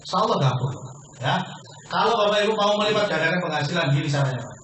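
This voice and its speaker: A man giving a persuasive business sales pitch to a seminar audience, asking questions and answering them himself. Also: lively intonation, fast talker, fairly bright tone. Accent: Indonesian. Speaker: business presenter. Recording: echoey room from far off, faint noise.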